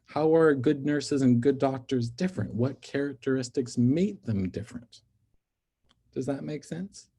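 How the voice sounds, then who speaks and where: A man's voice: mid-range voice, lively intonation, a little slow, warm tone, husky. A man giving an ethics lecture in an explanatory manner, often checking in with the listeners as he works through each idea. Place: NICU physician.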